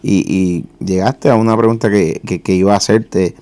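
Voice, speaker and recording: Gravelly, low-voiced man hosting a faith show. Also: steady tone, mellow. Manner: fervent religious greetings, measured questions. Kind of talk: faith interview.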